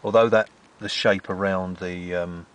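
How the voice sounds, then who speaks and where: Deep-voiced man chatting at a camp stove. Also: steady tone, measured pace, a bit bright, smooth. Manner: chatty, rambling, cheerful, with "me" for "my". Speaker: outdoor cooking vlogger. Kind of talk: casual camp cooking commentary. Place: under a tarp in rainy woods at night.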